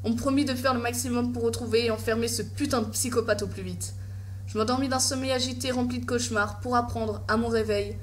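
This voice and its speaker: High-pitched woman narrating a horror story. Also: fairly even intonation, fast talker, a little hiss or hum. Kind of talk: scripted first-person creepypasta narration.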